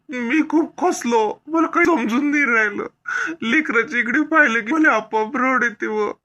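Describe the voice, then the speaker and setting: In an animated comedy, a male voice actor with a very high-pitched voice plays a young husband whose heart is broken. He whines and sounds tearful, using a Varhadi Marathi accent.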